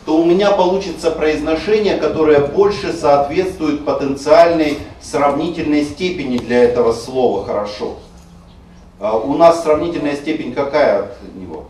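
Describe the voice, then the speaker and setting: Explaining pronunciation rules for Russian stress in a screencast lecture, a male teacher says example words aloud to show the sounds. His voice is a little high and a little mellow, at normal speed. The distant mic leaves it roomy and heavily echoed, with a faint hiss beneath.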